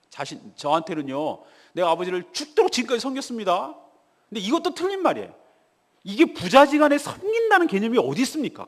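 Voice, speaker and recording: A male pastor preaches a morning devotional sermon in a fairly high, animated voice. He presses his points with rhetorical questions to the congregation. His voice carries a long reverb from the church hall. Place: church sanctuary.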